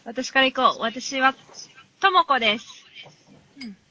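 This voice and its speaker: A woman's voice: high-pitched, lively intonation, brisk, sharp tone, dull audio. A woman from Japan chatting casually over a video call, thoughtful and hesitant, with many fillers. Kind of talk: casual chat.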